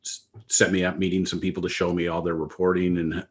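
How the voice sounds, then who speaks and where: Low-voiced male co-host, casual storyteller who acts out quoted lines. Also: fast talker. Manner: storytelling, animated retelling of conversations. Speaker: podcast co-host. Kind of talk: casual chat.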